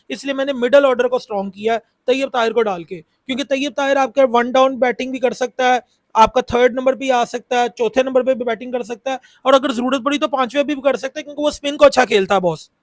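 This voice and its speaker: A Pakistani cricket YouTuber with a very high voice and a sore throat chats casually about the game, repeating himself and using lots of fillers. The recording has no echo, and the talk is loose cricket analysis.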